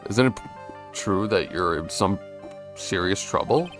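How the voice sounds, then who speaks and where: An earnest young defense lawyer from a video game, read by a man in his own voice. The tone is lowish and plain, pressing his points in an accusing way. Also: a little slow, music in the background.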